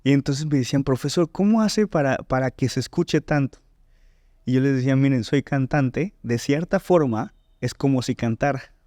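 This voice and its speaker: In a podcast interview, a man who teaches voice and sings walks through technique in a didactic way, repeatedly adding "¿no?" and "¿sí?" to check in. He speaks at a moderate pace with a medium pitch and a warm tone, recorded in studio quality with no echo.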